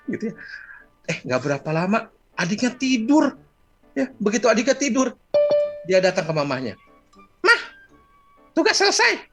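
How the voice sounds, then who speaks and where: Brief: male children's storyteller, lively pitch, calls out to the kids, faint music under. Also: normal speed, pauses often. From Indonesia. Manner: animated, addresses children directly. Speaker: Sunday school storyteller.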